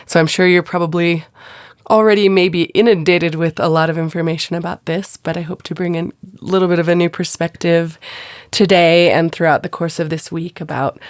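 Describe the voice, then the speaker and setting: A woman's voice: on the low side, steady tone, brisk, no echo, studio quality. A woman podcast host who is sick and sounds nasal, chatting casually and speaking directly to her listeners. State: sick, congested.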